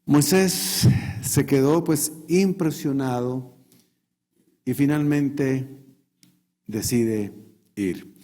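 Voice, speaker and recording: Brief: male pastor, animated storytelling sermon, mellow and husky tone. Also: medium pitch, very slow, pauses often. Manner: animated storytelling, acting out voices.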